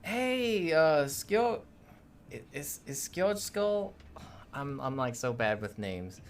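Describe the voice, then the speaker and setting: A man's voice: on the high side, very animated, slow pace, slight background noise. Guy co-hosting a game stream, casual chat, says hi to everyone in chat, keeps tripping on names. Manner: upbeat, greets chat by name, stumbles on names. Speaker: streamer co-host.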